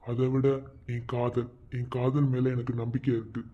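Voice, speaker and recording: A man voicing a calm, devoted young man in a cartoon, speaking earnestly about his faith in love. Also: mid-range voice, normal speed, breathy edge, lightly acted. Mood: steady resolve. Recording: dull lo-fi recording.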